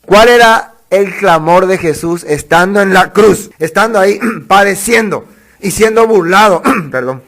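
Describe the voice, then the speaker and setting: A male pastor preaching a sermon, asking the congregation rhetorical questions and reading scripture slowly and deliberately. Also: high-pitched, a bit bright.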